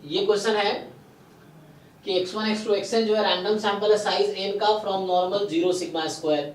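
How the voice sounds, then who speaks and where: A man teaching statistics in a live online exam-prep lecture. He mixes English terms into Hindi and explains slowly and deliberately, often checking with questions to his students. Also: high-pitched, steady tone, slight background noise. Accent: Indian English terms mixed into Hindi. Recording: roomy and distant from the mic.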